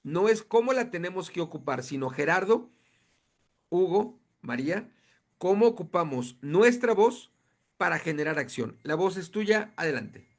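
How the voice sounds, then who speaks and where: A man moderating an online panel, introducing each speaker warmly and courteously over a video call. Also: high voice, lively intonation, measured pace.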